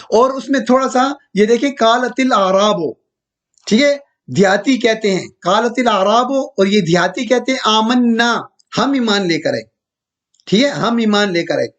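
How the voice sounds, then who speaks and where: A male teacher giving a recorded slide lecture, who repeats each point, slowly draws out quoted verses and asks listeners whether they have understood. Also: sits high, lively intonation, fairly bright tone. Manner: checks understanding with questions to listeners. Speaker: grammar teacher.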